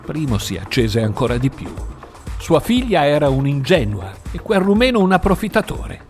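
A man reading a novel aloud as a narrator, in measured storytelling. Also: fairly high pitch, sing-song, soft background music. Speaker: audiobook narrator. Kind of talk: scripted narration.

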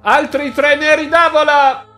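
A man reading an audiobook voices a brash young man out drinking, loud and crude. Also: mid-range voice, sing-song, normal speed, soft background music, voice pushed up, natural voice. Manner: loud, shouting, crude jokes.

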